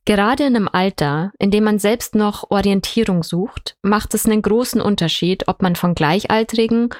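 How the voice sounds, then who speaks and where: Woman reading a news story, calm and clear, dry close mic. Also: medium pitch, moderate pace, dry recording. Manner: calm, explanatory. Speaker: reporter narrating a story. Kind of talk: scripted narration.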